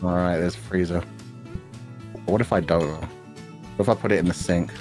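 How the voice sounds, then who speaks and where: A man's voice: low-pitched, steady tone, moderate pace, a little mellow. A man streaming a game, chatting casually and teasing his co-player, swearing a lot and laughing often. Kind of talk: casual gaming chat. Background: game music.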